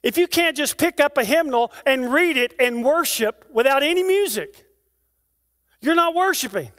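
A pastor stands in a church sanctuary and preaches in a very high male voice. He builds long rhythmic lists, then drops into plain conversational asides to his congregation. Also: a bit bright. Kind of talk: sermon.

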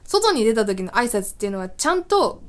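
A woman's voice: a little high, sing-song, brisk. A woman hosting a web radio show, chatting casually on her own and acting out small everyday scenes with self-mocking laughs. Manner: laughs often between lines. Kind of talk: casual solo talk.

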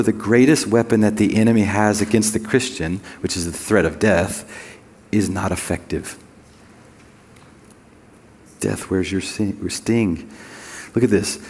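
A man preaching a sermon as pastor, conversational with joking asides, and reading scripture slowly and deliberately. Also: on the low side, a little mellow, big-room sound.

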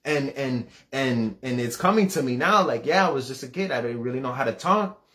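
An earnest man in his thirties tells a personal religious testimony in a mid-pitched voice. He talks fervently, repeating words and restarting as the story builds. His voice climbs sharply when he relives the moment. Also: lively intonation, a little fast, a bit bright. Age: 30s. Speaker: preacher sharing testimony.

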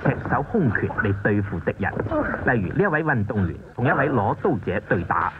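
A man reading scripted documentary narration in a lively, emphatic way, heard from a worn VHS tape copy. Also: fairly low pitch, a little fast, noisy background. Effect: worn VHS tape copy, muffled and lo-fi. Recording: muffled worn videotape under loud music.

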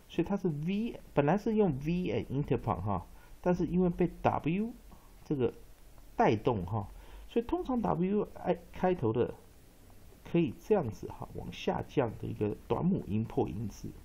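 A man teaching English pronunciation, repeating example words slowly and emphatically and dropping short filler particles between phrases. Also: a little high, very animated, creaky, mellow, husky, muffled recording. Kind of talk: pronunciation lesson.

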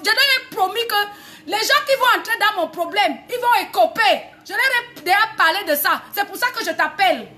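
Heated high-voiced woman ranting. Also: bright, forceful tone. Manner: heated, repetitive, confrontational. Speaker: singer. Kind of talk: angry video rant.

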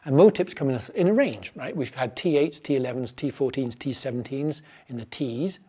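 A middle-aged man, a fly fishing instructor, calmly explaining gear in an animated, easygoing teaching style in a studio. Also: medium pitch, a little fast, husky. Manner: animated, gestures a lot while explaining. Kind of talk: relaxed explanatory demonstration. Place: indoor studio set.

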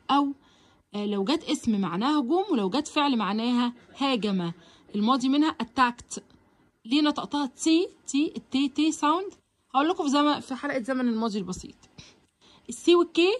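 A woman with an Egyptian Arabic accent teaching English vocabulary, sounding out words slowly and coaxing her students along. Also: a little high. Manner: slow, drawn-out pronunciation of English words; encouraging, addresses students directly. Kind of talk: vocabulary lesson.

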